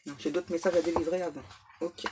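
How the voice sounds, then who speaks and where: A woman giving a spoken card reading as a medium, repeating herself with many fillers and clearing her throat often. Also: lowish voice, fairly even intonation, quick pace, heavy background noise. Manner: repetitive, filler-heavy, insistent. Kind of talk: spoken tarot guidance to viewers.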